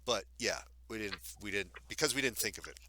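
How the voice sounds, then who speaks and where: A man's voice: fairly low pitch, brisk, no echo. A man narrating as game master in a live tabletop game, describing combat with easy humor. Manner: relaxed, laughing, describing combat.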